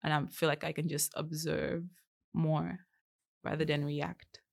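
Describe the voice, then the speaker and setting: A woman's voice: deep voice, level tone, unhurried, vocal fry. A young woman, a podcast guest, chatting casually with lots of fillers and frequent laughs. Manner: laughs often, many "like" fillers. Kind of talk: casual chat.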